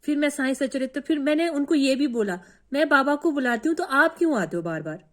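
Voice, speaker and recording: A woman's voice: high voice, lively intonation, a little fast. A woman telling her own devotional experience in an earnest, emotional way, often repeating herself. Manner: earnest, repetitive, emotional storytelling. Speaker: devotee sharing a personal experience. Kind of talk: emotional first-person testimony.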